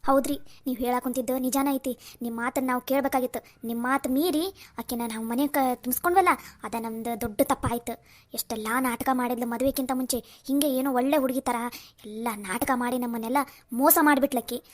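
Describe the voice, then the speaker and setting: A woman's voice: sits high, fairly even intonation, a little fast. A woman voicing a worried middle-aged mother in a cartoon family drama, soothing her daughter and bitter about her daughter-in-law.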